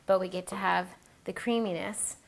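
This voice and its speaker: A woman's voice: lowish voice, steady tone, normal speed, creaky, a little hiss or hum. A woman hosting a cooking demonstration, chatting and explaining each step as she works. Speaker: cooking show host. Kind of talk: casual recipe demonstration.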